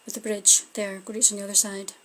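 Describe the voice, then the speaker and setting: Here the Scottish tarot reader talks fast in a medium-pitched, slightly bright voice with little pitch movement. She thinks out loud and trails off as she turns cards during a casual live stream, and her phone or webcam adds a little hiss or hum.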